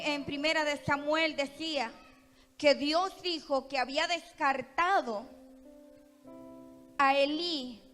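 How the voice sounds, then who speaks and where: A woman pastor with a Costa Rican accent, preaching a sermon in a church with impassioned, emphatic delivery that swells to loud peaks. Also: high voice. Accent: Costa Rican Spanish. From Costa Rica. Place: church hall. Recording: reverberant church hall with music.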